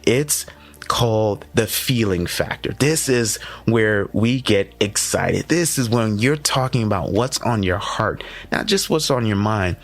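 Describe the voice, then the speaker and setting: A man hosting a motivational podcast for educators, talking in an energetic, conversational way and often checking in with the listener. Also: fairly low pitch, unhurried.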